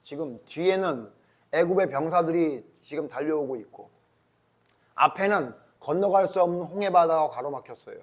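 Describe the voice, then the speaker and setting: A man's voice: on the high side, lively intonation, moderate pace. A male pastor giving a conversational church sermon, often asking the congregation rhetorical questions. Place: church service.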